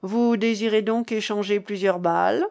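A woman voicing a sarcastic, theatrical gentleman who speaks with mock-tragic gravity. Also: medium pitch, fairly even intonation, normal speed, gravelly, lightly acted.

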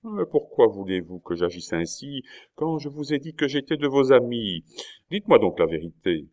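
A man reading the part of a cold, scheming young duke who speaks softly and coaxingly. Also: low-pitched, animated, unhurried. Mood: probing. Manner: soft, insinuating, coaxing. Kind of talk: audiobook character reading.

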